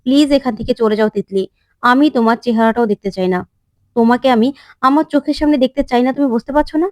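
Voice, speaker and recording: An angry young husband turns away a former lover, as a woman storyteller puts on his voice. The voice sits fairly high and sounds close and dry. He speaks in hurt, pleading, then sharply rejecting bursts. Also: quick pace, a little mellow, no room sound, natural voice.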